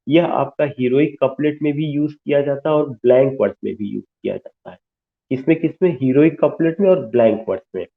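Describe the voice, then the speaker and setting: A man teaching English literature in an online class, explaining slowly, repeating key terms and mixing English into Hindi. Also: medium pitch. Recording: tinny phone-like audio.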